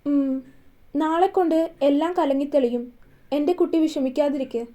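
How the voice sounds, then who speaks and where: A tender young man in a spoken romance story, as a woman reads him, gentle and soothing. The voice stays high and soft, with a mellow tone. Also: moderate pace, natural voice. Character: tender young man comforting his fiancée.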